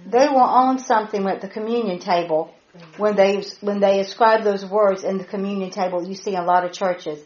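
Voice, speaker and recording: A middle-aged woman teaching a Bible study to a small group, stressing key words by repeating them slowly and emphatically. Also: mid-range voice, darkish tone. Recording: roomy, dull lo-fi recording.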